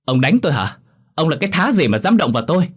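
A man voicing a rude, defiant young daughter who mocks and shouts insults at her parents, in a spoken horror story. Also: very animated, fast talker, breathy edge. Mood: scornful. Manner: shrill, mocking, shouting insults.

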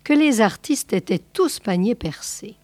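A woman's voice: fairly high pitch, expressive, a little slow, a little mellow, no echo. A woman voicing a vain, pompous retired merchant, an older man who exclaims and boasts. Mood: boastful.

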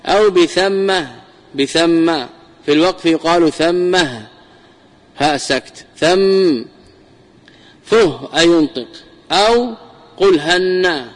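A man's voice: on the high side, a little slow, long pauses. Man teaching grammar in a reverberant hall. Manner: repeats key words, drawn out for emphasis. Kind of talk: classical grammar lesson.

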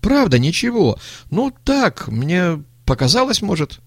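A man voicing a nervous young male accomplice who talks fast and high, stammering excuses in a storybook reading. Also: very animated, slightly rough, no echo, exaggerated voice. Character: jittery young male accomplice, boastful then panicky.

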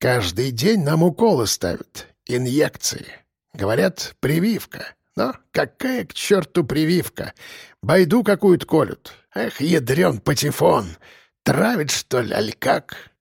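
A man doing a creaky, folksy old man. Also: sits high, sing-song, normal speed, dry recording, studio quality, pitched above the performer's own voice, exaggerated voice. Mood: hushed. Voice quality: creaky, wheezing. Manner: mocking, folksy sayings. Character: crusty old man prisoner, wry and folksy.

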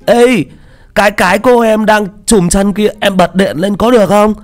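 A man voicing a chubby, cute and naive young man in a high, loud, childlike voice. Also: steady tone, normal speed, close to an everyday voice.

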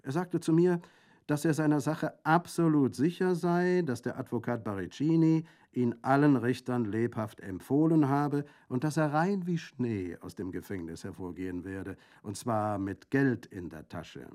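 A cool-headed bandit recounts his tale with dry, ironic calm, as a male reader plays him. He is unhurried and wry. It is an audiobook reading. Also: medium pitch, pitched above the performer's own voice, lightly acted. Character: cool, witty middle-aged male bandit.

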